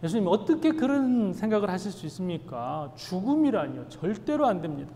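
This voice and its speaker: A man's voice: sits high, sing-song, fairly quick, warm tone, long reverb tail, slight background noise. A man acting out an agitated male disciple who bluntly scolds his teacher. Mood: indignant.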